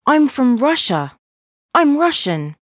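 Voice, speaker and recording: A slow, friendly young woman. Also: sits high, big pitch swings, dry recording, studio quality, heavily acted. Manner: bright, friendly replies. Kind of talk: scripted language-course dialogue.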